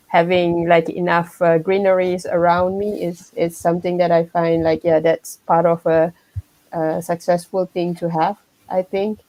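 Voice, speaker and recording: A woman's voice: lowish voice, a little mellow, dry recording, poor audio. A woman from Malaysia who has a young child, sharing her views in a casual group discussion, with many fillers and restarts. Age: adult with a child. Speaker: workshop participant.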